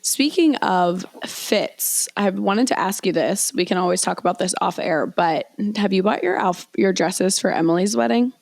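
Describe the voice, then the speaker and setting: A young woman co-hosting a podcast, telling stories in a chatty, animated way with many fillers. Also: fairly low pitch, normal speed, gravelly, hardly any pauses, dry recording. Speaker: podcast co-host. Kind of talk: casual chat.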